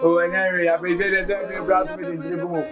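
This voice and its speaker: An actor in a comedy series with a Ghanaian accent, talking in an excited, chanting way, with music under the dialogue. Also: male voice, high voice, fairly quick, lightly acted.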